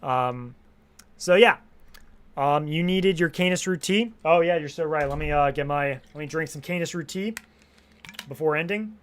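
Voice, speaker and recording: On a live stream, a young man with a voice on the high side speaks at normal speed, chatting casually, rambling, restarting sentences and cursing freely. Hours of talking have left him a little hoarse.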